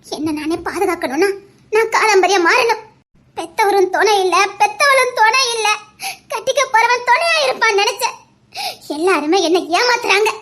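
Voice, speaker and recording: A woman's voice: very high-pitched, normal speed, a bit bright. A woman voicing a bitter, defiant young bride. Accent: Tirunelveli Tamil.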